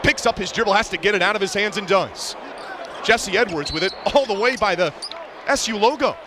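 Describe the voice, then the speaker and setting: Here a man with a high-sitting voice calls basketball at a brisk clip, offering clipped, lively description of each play in real time. The recording, made courtside in a large indoor arena, carries loud crowd noise and the sound of a bouncing ball.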